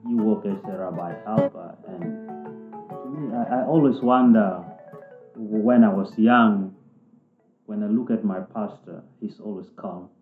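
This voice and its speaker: A man from South Sudan, speaking in a thoughtful, halting way with restarts as he interviews people in a reflective conversation. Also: on the low side, soft background music. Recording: echoey room, tinny phone-like sound.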